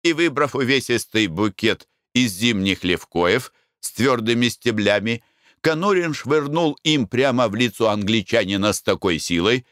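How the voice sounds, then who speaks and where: A man narrating an audiobook story in a measured, expressive reading. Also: mid-range voice, dry recording, studio quality.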